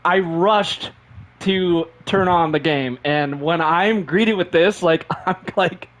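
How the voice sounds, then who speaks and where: A man with a high voice live-streams a racing game, talking slowly but with bubbling excitement. Running on little sleep and lots of caffeine, he is excitable and rambling, saying the same things twice.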